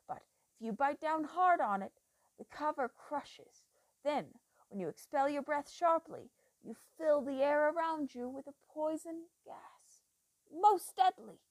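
A feverish, obsessive old doctor, as a woman reads him, speaking low and slow with a dry, close sound. His intense murmur breaks without warning into loud, heated bursts. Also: lively intonation, no room sound. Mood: menacing, obsessive.

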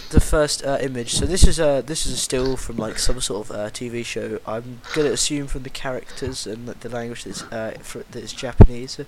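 A man's voice: medium pitch, brisk, hardly any pauses, low-quality recording. A man hosting a casual podcast, rambling with lots of fillers and restarts. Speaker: podcast host. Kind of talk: casual chat. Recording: loud background noise.

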